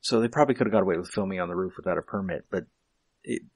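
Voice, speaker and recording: A man's voice: low voice, very fast, slightly rough, no echo. A man, hosting a podcast and casually picking apart a film with the others. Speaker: podcast host. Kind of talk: casual film commentary chat.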